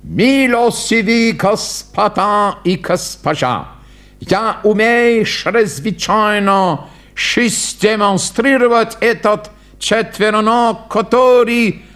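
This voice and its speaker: Shabby young clown barker, high and frantic, yelling at his dog; a man voices him in a read story. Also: slow, clean tone. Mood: pompous. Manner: shrill, shouting at a stubborn dog. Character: flustered young male circus clown barker.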